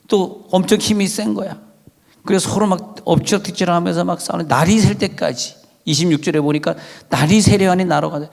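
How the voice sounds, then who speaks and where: A man's voice: fairly high pitch, gravelly, long reverb tail. A male pastor preaching a sermon in a church sanctuary, telling stories in a chatty way and acting out the people he quotes. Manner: chatty storytelling with dramatized quotes.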